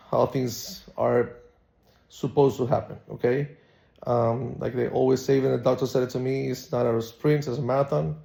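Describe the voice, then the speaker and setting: A man with a relaxed, mellow voice and a lot of vocal fry talks casually, as if updating viewers on a personal vlog. He is subdued and measured, and his sentences come haltingly as he searches for words. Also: mid-range voice. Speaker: patient recording a recovery vlog.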